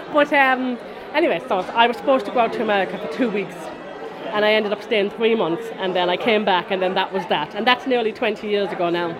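A folk musician in her forties from Connemara in the west of Ireland chats and rambles through stories during a casual interview, her Irish accent clear. Her voice is medium in pitch and a little fast. A busy crowd murmurs behind her after a concert.

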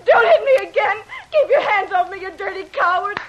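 1940s radio role: defiant, sharp-tongued, melodramatic, very high-pitched. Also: female voice, lively intonation, moderate pace, dull audio, slight background noise. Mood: desperate, defiant. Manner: melodramatic, scolding.

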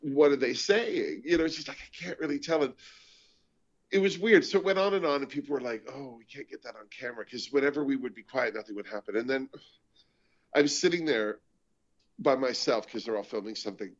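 Comedian host from Canada, mid-pitched man, animated storyteller who slips into quoted voices; muffled lo-fi audio. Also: fast. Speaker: comedian and show host, guest. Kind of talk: casual chat, storytelling. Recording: dull lo-fi audio.

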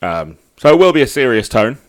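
A man's voice: mid-range voice, sing-song, brisk. A man speaking informally as a game master, casually explaining the tabletop game to his players.

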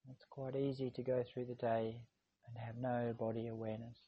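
A man speaking calm, slow, soothing instructions as he guides a meditation. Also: medium pitch, husky, narrow, tinny audio.

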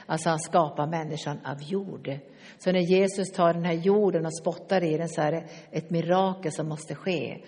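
Older preacher, lively, in a reverberant hall. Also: medium pitch. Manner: lively storytelling with asides, drops to soft tones for tender passages. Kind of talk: sermon.

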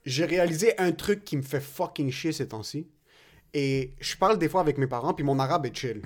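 Fast-talking podcast host. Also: male voice, fairly high pitch, soft background music. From Quebec, of Lebanese parents. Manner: fast and candid, swears freely, mixes in English words. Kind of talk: casual podcast chat.

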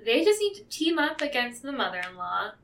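A woman's voice: fairly high pitch, big pitch swings, brisk, fairly bright tone, far from the mic. A young woman co-hosting a casual podcast chat, laughing often and filling her talk with "like". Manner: chatty, laughs often, heavy use of "like". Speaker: podcast co-host. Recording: echoey room, away from mic.

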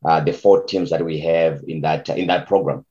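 A very deep-voiced man from Zimbabwe talks through a soccer interview with many pauses and fillers. His audio is dull and lo-fi. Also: steady tone, dark tone. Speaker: guest soccer coach. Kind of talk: casual interview.

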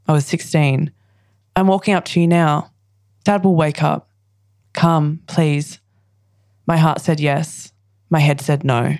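Low gravelly-voiced woman reading poetry. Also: a little mellow, no room sound, clean studio sound. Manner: chatty, laughs often, reads her poems aloud. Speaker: poet guest. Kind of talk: casual chat and poetry reading.

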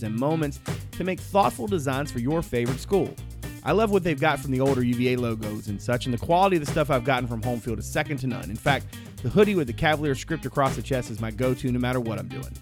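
Man reading a scripted podcast sponsor ad. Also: mid-range voice. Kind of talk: scripted promotional read.

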